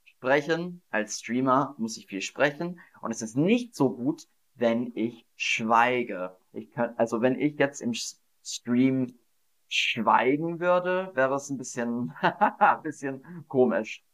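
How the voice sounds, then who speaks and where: A man teaching German on a live stream, slowly and patiently repeating words and praising his viewers. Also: medium pitch, fairly bright tone. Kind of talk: live-streamed vocabulary quiz. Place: streaming setup at home.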